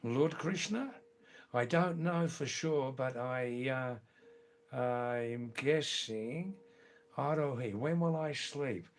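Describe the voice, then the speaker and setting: Hosting a relaxed live stream, an older man with an Anglo-Indian accent reads and answers viewer comments one at a time, speaking slowly. His chat rambles with lots of ums, restarts and friendly asides, and his pitch stays in an ordinary middle range.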